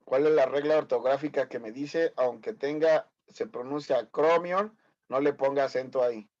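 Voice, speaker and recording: A man's voice: medium pitch, moderate pace, darkish tone, lo-fi sound. A man in his fifties with a Mexican accent, teaching a medical class online, teasing and quizzing his students. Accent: Mexican Spanish. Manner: teasing, corrects students, asks many quiz questions.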